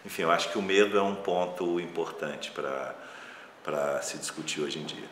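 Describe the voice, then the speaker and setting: A man's voice: a bass voice, normal speed, fairly bright tone. A man with a Brazilian accent speaking casually and reflectively as a film director in an interview, with loosely phrased asides. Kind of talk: casual interview talk about his filmmaking. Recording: roomy echo, faint background noise.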